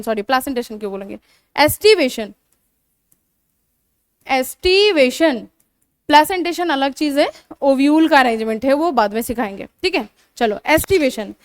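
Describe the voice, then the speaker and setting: A young woman with a high, clear voice gives a biology lecture, repeating key terms and often pausing to check that the class is following. She catches and corrects her own slips as she goes. The sound is dry, with little room echo. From India. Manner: explanatory, repeats terms, frequent "theek hai" check-ins, self-corrects. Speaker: biology teacher. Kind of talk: classroom lecture mixing Hindi and English terms. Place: coaching classroom.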